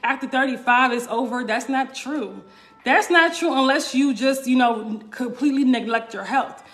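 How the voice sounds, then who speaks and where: A woman's voice: high-pitched, normal speed, fairly bright tone, faint music behind. A woman wellness coach talking casually to her live-stream viewers, emphatic and repetitive, checking in with "right?" and "okay?". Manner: emphatic, repeats points, asks "right?" and "okay?".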